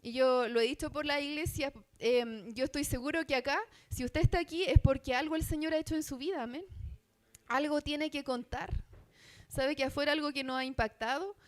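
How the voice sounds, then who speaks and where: A woman's voice: sits high, fairly even intonation, fairly quick. A woman from Chile with a Chilean accent, preaching a sermon as a missionary in church, earnest and asking the congregation questions. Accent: Chilean Spanish. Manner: earnest, asks the congregation questions, many fillers.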